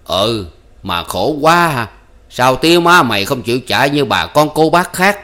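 A man voicing an older village notable who talks in a slow, coaxing, soothing way. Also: medium pitch, sing-song, sharp tone, voice pushed up.

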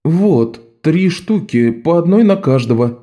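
A man's voice: fairly high pitch, expressive, a little slow, muffled recording, voice pushed up. A man voicing a small, clever boy pickpocket who speaks hesitantly and sheepishly. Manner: hesitant, sheepish, quietly proud.

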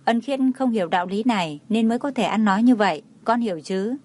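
A woman reading a soft-spoken gentle mother. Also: mid-range voice, expressive, quick pace, lightly acted. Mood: soothing. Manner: soft, soothing. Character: gentle patient young mother.

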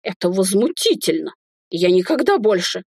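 A woman's voice: medium pitch, very animated, normal speed, gravelly, darkish tone, breathy edge, dry recording, clean studio sound, exaggerated voice. A woman reading the part of an indignant, huffy old male hotel guest. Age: older.

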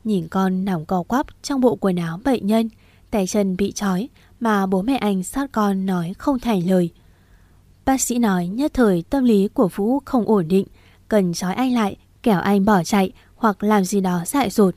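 A woman narrating a story as an audiobook in an even, steady manner. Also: medium pitch, moderate pace, no room sound.

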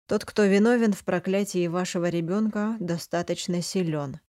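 A woman's voice: fairly low pitch, normal speed, dry recording, clean studio sound, lightly acted. Woman reading a cold, stern duke-mage. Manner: calm, cold, interrogating. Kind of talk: audiobook character reading.

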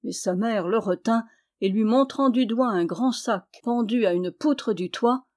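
A woman storyteller reading a folk tale aloud in a measured, expressive way. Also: fairly high pitch.

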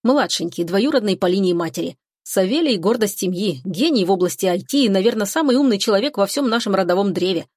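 A woman's voice: medium pitch, expressive, fast, few pauses, a little mellow, no echo, studio quality. A woman narrating a first-person novel as an audiobook, with a wry, mocking tone. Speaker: audiobook reader.

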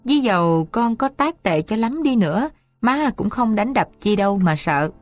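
A woman voicing a worried mother who gently coaxes and soothes her daughter, in a dry storybook reading. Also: medium pitch, animated, normal speed, no echo, faint music behind, close to an everyday voice. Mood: coaxing. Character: worried, tender older mother of the house.

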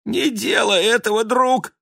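A man's voice: low voice, sing-song, takes it slowly, vocal fry, breathy edge, no room sound, studio quality, full character voice. A man voicing a clumsy, kind-hearted male dog who pleads in a whiny voice in a storybook. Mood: whining.

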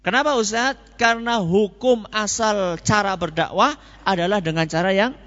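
Male Islamic preacher, Javanese accent, higher-pitched storytelling sermon, muffled hall recording. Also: normal speed, fairly bright tone. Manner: storytelling with Javanese words and rhetorical questions.

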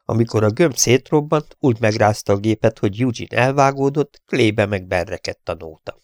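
A man narrating an audiobook in a measured, dramatic way, voicing each character. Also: fairly low pitch, a little mellow, no room sound, clean studio sound.

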